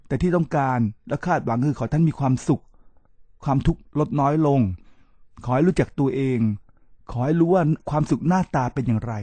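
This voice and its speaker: A man's voice: a little high, warm tone, breathy edge, no echo. A middle-aged man hosting a talk show, lecturing his listeners in a preachy way and often stopping to address them and spell out English terms. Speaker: podcast host.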